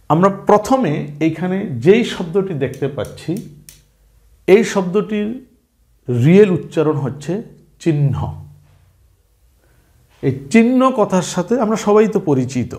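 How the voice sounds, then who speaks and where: A man's voice: fairly high pitch, a little mellow. A man teaching a recorded lesson on spelling and pronunciation, explaining step by step and answering his own questions. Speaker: Bengali language teacher.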